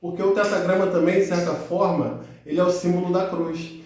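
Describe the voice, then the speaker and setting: A man's voice: sits high, steady tone, fairly quick, darkish tone, far from the mic, a little hiss or hum. A man giving a religious lesson. He explains step by step, often checks in with the listener, and restarts his phrases. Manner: explains step by step, with frequent "né" tag questions and restarts. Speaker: religious teacher. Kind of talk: explanatory teaching monologue. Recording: very echoey room, voice set back from the mic.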